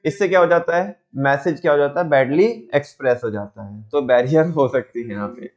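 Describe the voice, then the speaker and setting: A man's voice: mid-range voice, fairly quick, muffled recording. A young man teaching a class, telling stories, acting out quotes and quizzing his students as he explains. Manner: storytelling, asks students questions, acts out quotes. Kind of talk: lively classroom lecture with acted examples.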